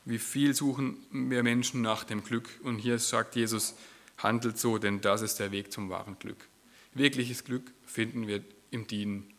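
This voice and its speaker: A man's voice: medium pitch, fairly even intonation, measured pace, a bit bright. A man preaching a sermon in church, acting out quoted lines with a shifting voice.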